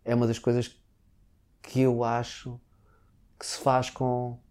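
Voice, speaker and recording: A man's voice: mid-range voice, monotone, slow, darkish tone. A man from Portugal speaking European Portuguese, a guest in a casual conversation, who hesitates and restarts often. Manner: hesitant, with many restarts and filler words.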